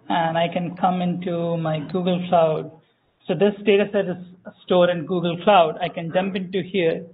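A fairly high-pitched man walks an audience through a software demo at a meetup. He explains step by step, pausing on fillers and restarting his phrases. The sound is thin and tinny, like a phone line. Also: a little hiss or hum. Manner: explanatory, many fillers and self-corrections. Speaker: tech speaker giving a software demo. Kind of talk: live conference demo walkthrough. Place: meetup room, small audience. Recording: tinny phone-like room audio.

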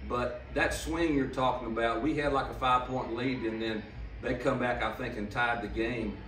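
An older male head coach sits at a table mic on a stand, fielding press questions after a game in a plainspoken, emphatic way and repeating points for stress. His voice is medium-pitched, steady, fairly bright, and at a normal speed. The camera sits some distance off, so the pickup sounds roomy and slightly distant, with slight background noise.

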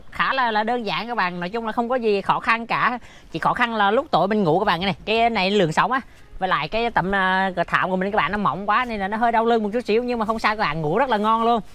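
A man's voice: high-pitched, sharp tone. A young man in a casual vlog, chatting to his viewers from a small tent on a rooftop with lots of fillers. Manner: chatty, keeps addressing viewers, many fillers. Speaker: vlogger.

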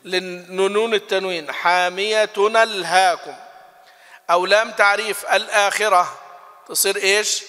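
A man teaches recitation in a mosque hall, his high voice bright and ringing. He keeps quizzing his students and slows down to chant example verses. The sound trails off in the long reverb of the hall. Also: steady tone. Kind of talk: classroom lesson on recitation rules.

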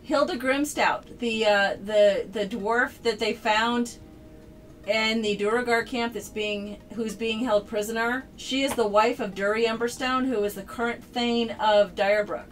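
A woman's voice: a little high, steady tone, unhurried, faint music behind, rough recording. Chatty upbeat woman streamer. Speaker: streamer and game designer host. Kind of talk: casual livestream chat.

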